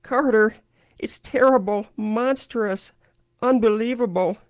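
A man voicing a terrified man trapped underground, with a shaky, hoarse voice and frantic, pleading shouts. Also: high voice, slow pace, no room sound, clean studio sound, pitched above the performer's own voice. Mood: panicked.

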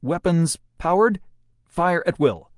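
A man voicing an eager copilot who makes brisk, keen announcements. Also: on the high side, lively intonation, no echo, studio quality, voice pushed up.

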